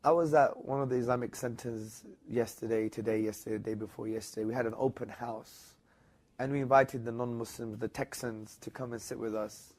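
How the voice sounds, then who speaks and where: A man being interviewed, telling a story in a lively conversational way. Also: brisk. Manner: animated, rising high when retelling others' words. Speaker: interview guest.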